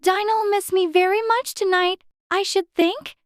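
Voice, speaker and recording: A woman's voice: very high-pitched, fairly even intonation, measured pace, no echo, studio quality. A woman playing a curious, chatty little girl who muses aloud in an earnest, prim way for an audiobook. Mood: dreamy, earnest. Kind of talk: dramatized audiobook character acting.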